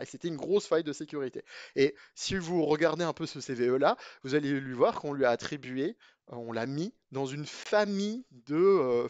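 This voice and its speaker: A young man talks through a technical topic in a loose, chatty way, often restarting and filling pauses. His voice sits a bit high for a man. It is recorded close and dry, with no room sound. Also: no echo. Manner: conversational, many fillers and restarts. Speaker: cybersecurity explainer. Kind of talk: casual educational explainer.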